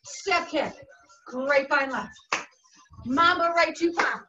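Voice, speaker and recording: A young female aerobics instructor exercises in a carpeted living room, calling out short, encouraging cues and energetic whoops in a high, bright, forceful voice while taking it slowly. A camera across the room picks her up, so the sound is distant and dull, with workout music playing behind.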